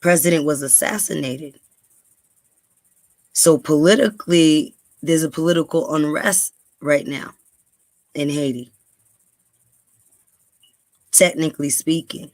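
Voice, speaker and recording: A podcast host from New York with a deep, darkish, dry-sounding voice talks slowly and pauses often, recorded dry. Her casual commentary and reading aloud feel conversational, laced with frequent ums and bursts of speed for emphasis.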